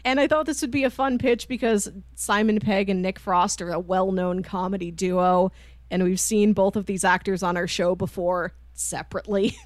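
This chatty podcast co-host speaks at a moderate pace in a medium pitch with fairly even intonation, casually pitching films to her co-host. Her recording is dry and close, with no room sound.

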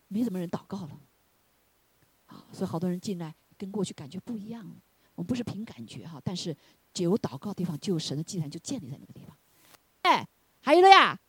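A woman preaching a sermon, asking the congregation questions and rising to loud exclamations before dropping low again. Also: husky, no room sound. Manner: swells to loud exclamations of hallelujah, then drops low.

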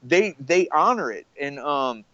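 Guy rambling on a podcast, lots of um and restarts, kinda higher voice, dull dry sound. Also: lively intonation, unhurried, pushed and bright, no echo. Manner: rambling, many restarts and fillers. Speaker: podcast guest. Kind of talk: casual conversation.

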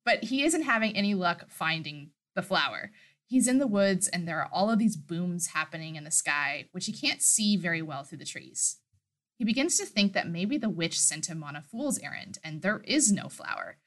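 Recapping a story on a podcast she co-hosts, a woman reads along and adds amused, chatty asides in a casual conversation. Her voice is on the low side, animated and fairly bright, at a moderate pace.

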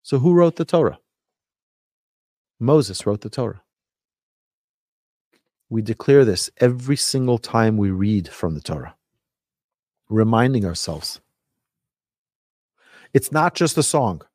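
Man, rabbi teacher, swooping expressive pitch, emphatic, repeats key points, dry close sound. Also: dry recording. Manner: emphatic, rhetorical questions, deliberate repetition. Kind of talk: lively religious lecture with storytelling.

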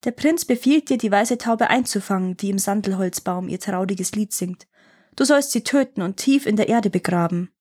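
A woman voicing a lying, scheming young servant maid who fawns and flatters. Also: medium pitch, normal speed, breathy edge, lightly acted. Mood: commanding. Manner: sly, fawning replies.

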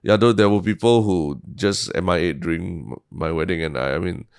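A Singaporean man chatting casually in colloquial Singlish as a podcast co-host, repeating words haltingly as he thinks aloud. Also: deep voice, vocal fry, clean tone, dry recording, studio quality. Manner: colloquial Singlish with local particles. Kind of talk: casual chat.

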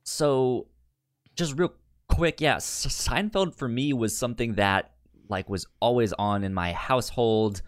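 Speaking unhurriedly at medium pitch, a male podcast co-host chats casually about TV sitcoms, often stammering and repeating the starts of words. The studio recording is clean, with no echo.

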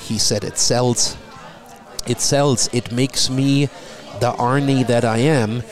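A middle-aged German man with a German accent chats as a guest in a relaxed, casual conversation. His pitch is medium and his pace slow, and he often repeats a word as he starts a thought.

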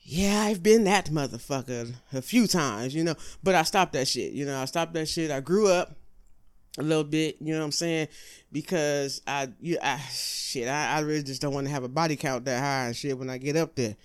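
A man hosting his own show, delivering a profane comedic rant with exasperated, high-pitched outbursts. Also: moderate pace, clear, resonant tone. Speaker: host.

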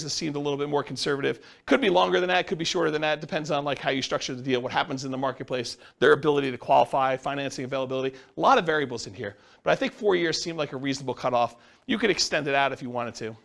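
A real estate instructor teaches a class, walking through material step by step and putting questions to the students. His voice is on the high side, gravelly and fairly bright, and he mentions that he is losing it.

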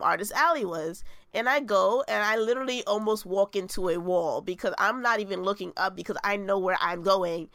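A woman's voice: mid-range voice, clear, resonant tone, no echo, clean studio sound. A woman co-hosting a podcast, chatting casually and acting out quotes as she tells a story. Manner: animated storyteller, acts out quotes. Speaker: podcast co-host. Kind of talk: casual chat.

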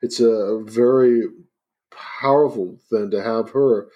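A man hosting a relaxed talk, chiming in with agreement and short follow-up questions. His voice has an ordinary middle pitch. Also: slow, highs cut off. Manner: affirming, asks clarifying questions. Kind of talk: casual conversational interview.

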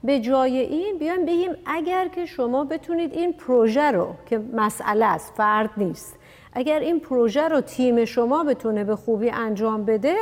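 Female panelist, somewhat high-pitched, thoughtful and storytelling, reverberant recording. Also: darkish tone. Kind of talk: reflective discussion. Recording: long reverb.

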